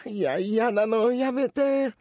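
A man's voice: very high-pitched, slow, a little mellow, no room sound, studio quality, voice pushed up. A man voicing a fussy, chatty old woman shopper in a rakugo comic story, rambling and flustered. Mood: embarrassed.

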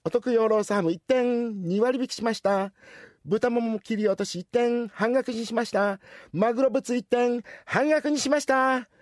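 A man voicing a polite, brisk supermarket cashier in a rakugo comic story, speaking in formal shop phrases. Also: very high voice, no echo, studio quality, pitched above the performer's own voice.

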